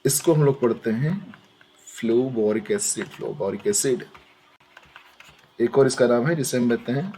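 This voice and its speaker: A man's voice: medium pitch, a little mellow, a little hiss or hum. A young man teaching a chemistry lesson in a chatty way. He repeats questions back to the students as he talks. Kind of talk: screen-recorded lesson.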